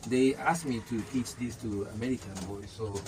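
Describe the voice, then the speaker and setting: A Spanish native speaker gives casual answers as an interviewee, earnest and often saying "you know" and restarting his sentences. He speaks at normal speed with a medium-pitched voice, and there is noisy background sound.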